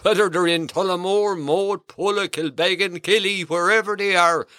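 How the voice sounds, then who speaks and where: A man playing a jolly old Santa Claus who rambles through warm, folksy greetings. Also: high-pitched, steady tone, normal speed, no echo, clean studio sound. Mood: cheery. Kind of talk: in-character radio greetings.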